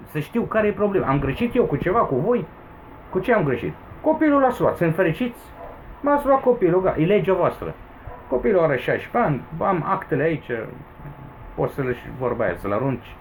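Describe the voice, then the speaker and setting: A man's voice: a little high, slight background noise, poor audio. A Romanian man in his forties, rambling through an agitated personal complaint to camera, with emphatic outbursts. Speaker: vlogger. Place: home in the Philippines.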